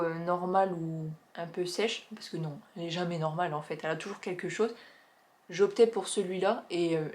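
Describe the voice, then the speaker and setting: A young woman talking casually to camera about skincare products she has used up, chatty and enthusiastic, with many filler pauses. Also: on the low side, a little mellow. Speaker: beauty vlogger reviewing finished products. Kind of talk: casual product review vlog.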